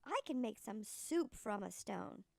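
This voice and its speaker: A woman's voice: medium pitch, animated, a little slow, creaky, darkish tone, no room sound, studio quality, pitched below the performer's own voice. A woman voicing a cunning, hungry young man who coaxes his way through a storybook tale. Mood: confident. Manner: coaxing. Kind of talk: storybook character voice.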